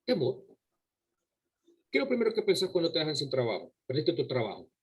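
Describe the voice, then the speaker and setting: A man's voice: on the high side, huge pitch swings, very fast, breathy edge, muffled recording. A man preaching a sermon to his congregation, emphatic and full of rhetorical questions, often repeating words as he goes. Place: church service before a congregation.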